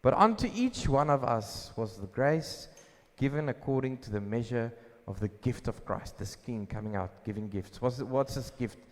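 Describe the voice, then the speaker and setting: A pastor preaching a sermon at a pulpit microphone, asking questions and answering them himself with emphasis. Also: male voice, mid-range voice, expressive, normal speed, few pauses. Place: church hall. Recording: long hall reverb.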